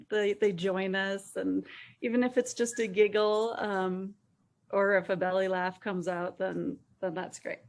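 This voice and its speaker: A woman host chatting in an upbeat, chatty way, full of fillers, in a casual interview over a video call. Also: medium pitch.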